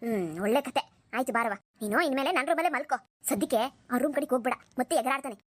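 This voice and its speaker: A woman's voice: high-pitched, rapid-fire, dry recording. A woman voicing an indulgent, middle-aged mother-in-law in a cartoon, speaking in a scolding, dismissive way. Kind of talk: cartoon voice acting.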